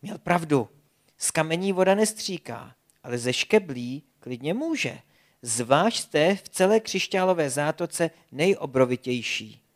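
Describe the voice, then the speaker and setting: A storyteller reading a children's animal adventure aloud with a lively, expressive delivery. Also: mid-range voice.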